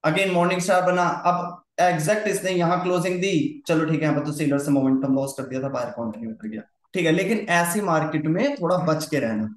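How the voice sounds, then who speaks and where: Echoey, higher-voiced man teaching charts. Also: brisk, hardly any pauses. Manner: repetitive, coaxing, keeps checking understanding. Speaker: trading teacher. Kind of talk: casual chart lesson.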